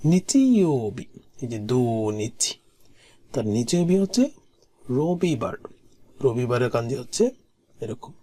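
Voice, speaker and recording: A language teacher giving a recorded exam-prep lesson, patiently repeating each word slowly and sometimes dropping to a soft murmur. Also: mid-range voice, sing-song.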